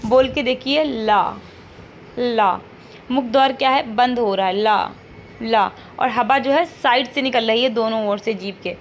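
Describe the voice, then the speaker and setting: A woman's voice: on the high side, normal speed, hardly any pauses, a little hiss or hum. A woman teacher giving an online lesson, patiently repeating each point, modeling sounds aloud and checking in with frequent questions.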